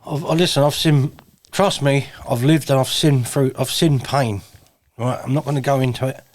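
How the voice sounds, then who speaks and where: A man's voice: mid-range voice, fairly even intonation, moderate pace. A man with a southeast English accent hosting an interview, talking earnestly and emphatically and calling his guest "bruv". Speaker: host. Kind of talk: supportive interview chat.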